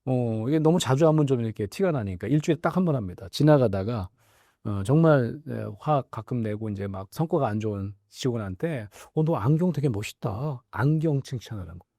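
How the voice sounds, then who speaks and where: A middle-aged man, a professor, explaining things in a conversational interview, lively and full of small affirming fillers. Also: mid-range voice, fairly quick, no echo, studio quality. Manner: lively, acts out quoted dialogue, frequent affirming fillers. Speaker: professor guest.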